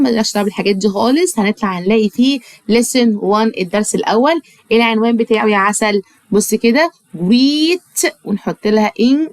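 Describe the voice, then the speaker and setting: A woman with an Egyptian Arabic accent teaching English to young children in an online lesson, speaking affectionately and slowing down to drill words for repetition. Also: fairly high pitch, no echo. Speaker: primary school English teacher.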